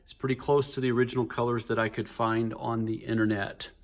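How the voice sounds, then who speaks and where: A man casually shows off a hobby build in a chatty, lightly joking walkthrough filmed on a handheld phone. His voice is medium-pitched with a level tone, and he talks a little fast.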